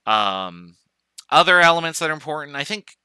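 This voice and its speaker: Bright, crisp-voiced man lecturing casually. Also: fairly high pitch, big pitch swings, normal speed, no echo. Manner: casual, joking, thinks aloud with fillers. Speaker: chemistry professor. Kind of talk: online lecture.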